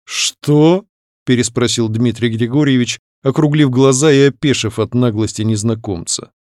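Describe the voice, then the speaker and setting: A man narrating an audiobook in a measured, clear reading voice. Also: medium pitch, steady tone, darkish tone, dry recording, studio quality. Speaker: audiobook reader. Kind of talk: scripted narration.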